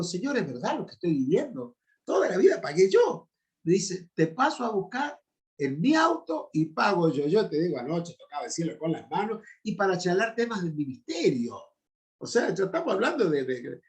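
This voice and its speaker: A man in his fifties with an Argentine Spanish accent, a pastor teaching a Bible class in an informal sermon style, with emphatic, chatty asides. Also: a little high. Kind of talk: informal sermon-style lecture with personal stories.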